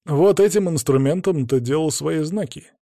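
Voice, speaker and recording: A man voicing a calm, menacing masked cult leader who speaks coldly and dryly. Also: a little high, no room sound, voice pushed up. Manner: dry, cold, unhurried.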